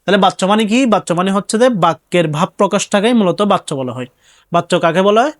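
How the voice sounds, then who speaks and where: Fast-talking high-voiced male teacher. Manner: explains step by step, repeats phrases, asks and answers own questions. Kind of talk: exam-prep grammar lecture.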